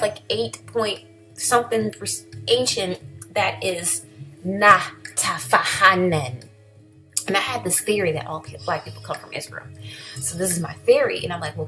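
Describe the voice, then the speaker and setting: Excited woman rambling on her vlog, kinda low voice, lots of ums. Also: creaky, poor audio. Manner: enthusiastic, chatty, rambling with fillers. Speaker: vlogger. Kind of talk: casual vlog commentary.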